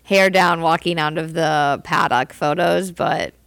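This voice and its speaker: A young woman co-hosting a casual podcast chat, talking in a brisk, matter-of-fact way and citing stats. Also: deep voice, fairly even intonation, creaky, fairly bright tone, dry recording. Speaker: podcast co-host.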